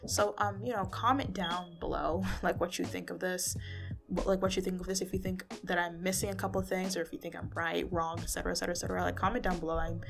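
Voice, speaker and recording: Gravelly woman recording under a blanket. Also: lowish voice, steady tone, quick pace, over music. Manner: rambling, with many fillers and restarts. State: tired. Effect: muffled, recorded under a blanket. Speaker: YouTuber. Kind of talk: casual talking-head vlog.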